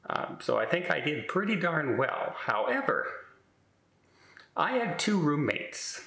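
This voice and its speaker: A man's voice: on the high side, sing-song, unhurried, vocal fry, sharp tone, reverberant. Rambling middle-aged man telling a story. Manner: rambling, many filler words and restarts. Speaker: vlogger. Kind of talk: casual storytelling.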